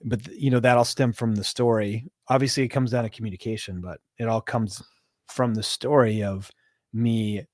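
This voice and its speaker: A man co-hosts a candid, casual conversation in a fairly low voice. He speaks openly and self-reflectively, often pausing and restarting his thoughts. The sound is close and dry. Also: fairly even intonation, dry recording. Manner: open, self-reflective, halting. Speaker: podcast co-host. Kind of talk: candid casual chat about marriage.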